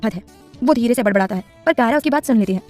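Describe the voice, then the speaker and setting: A woman narrating a romantic serial story, reading with expressive voices for the dialogue. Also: a little high, racing, faint music behind.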